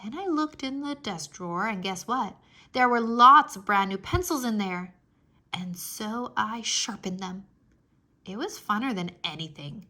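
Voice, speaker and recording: A woman's fairly high-pitched voice narrates a children's storybook with plenty of expression. She speaks as a child would in the first person, keeping it animated.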